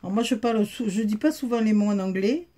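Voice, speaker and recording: Here a haul vlogger with a Southern French accent talks fast, her medium-pitched voice carrying a dark tone. She shows off her haul in a chatty, casual way, addressing viewers directly and leaning heavily on fillers.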